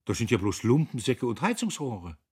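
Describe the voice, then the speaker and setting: A man voicing a snobbish, teasing young woman, husky and condescending. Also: mid-range voice, sing-song, moderate pace, darkish tone, voice pushed up. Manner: condescending, sly.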